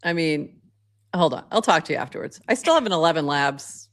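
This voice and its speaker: Lady co-host chatting on a podcast, bit low voice, talks loose with lots of ums. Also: animated, fairly quick. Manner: chatty, laughs often, many fillers. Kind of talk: casual podcast chat.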